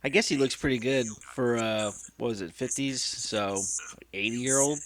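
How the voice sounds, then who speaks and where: A man's voice: mid-range voice, normal speed, fairly bright tone, slight background noise. Chuckling man in his thirties reacting. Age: 30s. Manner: chuckling, musing asides to himself. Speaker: movie reaction host. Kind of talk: casual movie reaction commentary.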